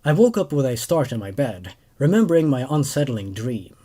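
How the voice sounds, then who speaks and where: A mellow, mid-range, sing-song voice at normal speed belongs to a young man in his twenties who hosts and narrates horror stories. Between readings he chats casually about the tales, sounding hesitant and repeating words.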